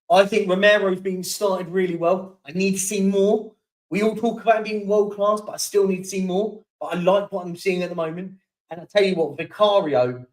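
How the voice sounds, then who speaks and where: A man's voice: sits high, distant mic, poor audio. A young man hosting a casual live-stream chat, reading out viewer comments and yawning now and then. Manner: chatty, keeps yawning and apologising.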